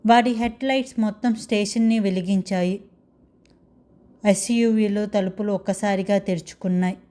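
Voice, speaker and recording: A woman's voice: mid-range voice, warm tone. A woman narrating a dramatic love story in a scripted storytelling style.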